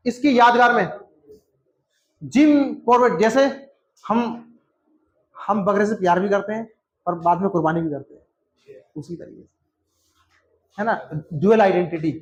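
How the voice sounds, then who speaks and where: A man's voice: very high-pitched, highs cut off. A man teaching a classroom lesson, repeating answers over and over and quizzing students by name. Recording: echoey classroom.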